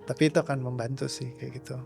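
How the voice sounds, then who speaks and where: A young man talks through his coaching work in a loose, rambling way, dropping English words as he goes. His voice sits at an average pitch. Soft background music plays beneath him. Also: fast, creaky. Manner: relaxed, rambling, mixes English words into speech. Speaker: trauma release coach. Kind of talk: casual interview answers.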